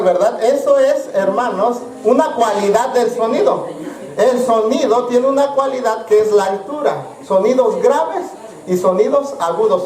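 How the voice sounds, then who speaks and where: A high-pitched man teaches music to a church group, halting and full of fillers. He is heard from some distance in an echoey church hall, with clear instrument sounds behind him. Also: darkish tone. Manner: halting, many fillers, addresses listeners as brothers. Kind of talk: live teaching in a congregation.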